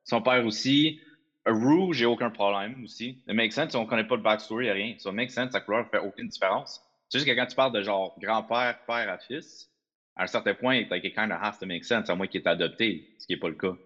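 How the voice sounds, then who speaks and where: A man's voice: fairly low pitch, brisk, a bit bright, lo-fi sound. A man co-hosting a podcast, arguing his point in casual chat and slipping into English phrases. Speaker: podcast co-host.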